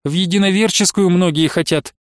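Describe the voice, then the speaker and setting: A man's voice: sits high, a little fast, dry recording, clean studio sound, lightly acted. A man voicing a grieving, pious old nun who laments and pleads tearfully. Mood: mournful. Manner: lamenting, sing-song pleading.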